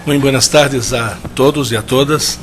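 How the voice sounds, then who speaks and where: In a lecture hall with background noise, a Brazilian guest lecturer gives a measured, reflective conference talk in a strongly Brazilian Portuguese-accented, medium-pitched voice. He frequently restarts sentences while searching for the right words.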